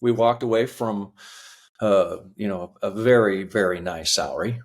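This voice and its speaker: Man, 50s, earnest storyteller, low voice, many ums and pauses. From United States. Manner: earnest, halting with many fillers. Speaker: podcast guest. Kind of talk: reflective personal storytelling.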